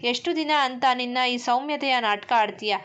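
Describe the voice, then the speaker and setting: A woman voicing a cruel, furious young rich man who shouts scornful threats. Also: on the high side, normal speed, smooth, dull audio, natural voice.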